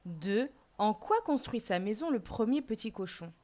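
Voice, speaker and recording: A woman teacher reading a fairy tale aloud for learners, then asking questions and reading a vocabulary list. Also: medium pitch. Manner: clear, deliberate, expressive reading. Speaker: French teacher. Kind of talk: slow storybook narration and vocabulary lesson.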